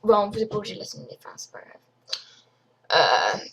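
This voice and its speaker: A woman's voice: medium pitch, sing-song, moderate pace, vocal fry, breathy edge. A young woman from France ranting to her viewers in a rambling, indignant way, full of fillers. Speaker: vlogger. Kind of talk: casual screen-recorded rant.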